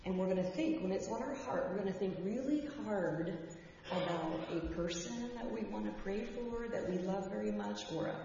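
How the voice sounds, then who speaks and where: A woman giving the children's message in church, gently asking the kids questions and leading them through gestures. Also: medium pitch, moderate pace. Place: church sanctuary. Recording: echoey hall from far off, dull.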